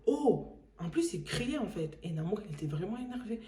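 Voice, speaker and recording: A woman telling a casual storytime vlog, animated and acting out the voices she quotes. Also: medium pitch, moderate pace. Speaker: vlogger. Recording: echoey room.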